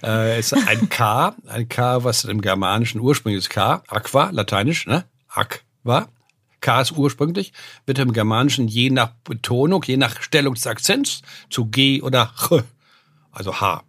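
A man's voice: medium pitch, moderate pace, husky, no echo, studio quality. Older man lecturing on word origins. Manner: lecturing, often adds "ne?" and "äh", lively rises. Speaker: name researcher, professor. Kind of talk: podcast conversation, explaining.

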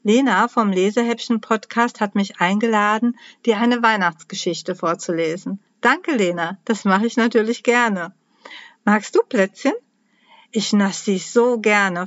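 A woman's voice: medium pitch, no echo, dull audio. Cheerful woman reading a children's story. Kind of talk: storybook read-aloud for children.

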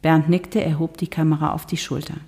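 This middle-aged author and TV journalist has a slightly low-pitched voice and comes across calm and wry. She reads aloud from her novel, then chats casually in an interview, measured and gently funny, hesitating now and then.

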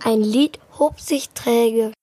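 A woman reading a children's storybook aloud as narrator, steady and measured. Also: a little high, over music.

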